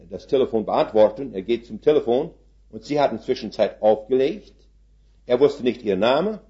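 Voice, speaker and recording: Older male preacher in his seventies, low voice, folksy storytelling sermon, mixes in English words, muffled lo-fi sound. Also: warm tone. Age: 70s. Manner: folksy, rhetorical questions to the congregation. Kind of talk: sermon with illustrative stories.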